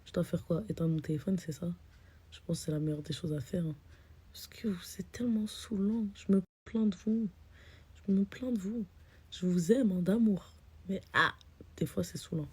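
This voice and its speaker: A young woman vlogging to her phone, ranting bluntly in slangy casual chat with a low, deep voice, often dropping to a whisper. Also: moderate pace, darkish tone, husky. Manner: blunt, ranting, slangy, addresses "les filles".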